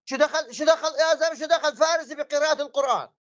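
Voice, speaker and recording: A man's voice: very high voice, very fast, fairly bright tone, dry recording, lo-fi sound. A man with a Levantine Arabic accent in a heated debate, challenging the other side and repeating his points.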